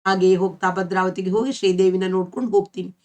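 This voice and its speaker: A woman's voice: medium pitch, steady tone, racing, a little mellow, lightly acted. A woman reading as a stern old mother. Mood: tearful. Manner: scolding, blunt.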